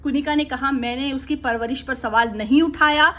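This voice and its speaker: A woman's voice: sits high, normal speed, sharp tone. A woman giving opinionated casual commentary on a reality show, retelling events with her own asides.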